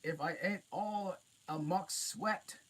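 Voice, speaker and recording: A man voicing a huge, clumsy, good-natured male giant with loud, rustic speech. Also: sits high, slow pace, pitched above the performer's own voice, exaggerated voice, rough recording. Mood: booming.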